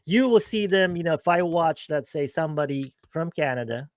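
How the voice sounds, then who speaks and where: A man from the United States hosting a casual streamed chat show, talking excitably with lots of stammering restarts. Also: on the high side, brisk, no room sound. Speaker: podcast host.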